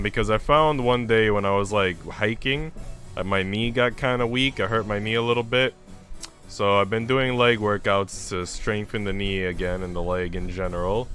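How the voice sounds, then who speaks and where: A young man livestreams, chatting casually with viewers in informal, slangy language while music plays behind him. His voice is fairly low and fairly bright in tone.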